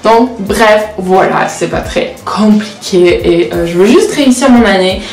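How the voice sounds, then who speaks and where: Speaking a little slowly with a medium-pitched, darkish tone, the 19-year-old law student opens up in a casual confessional vlog. Portuguese is her first language, and she often hesitates and laughs at herself. Soft music sits in the background of an echoey room.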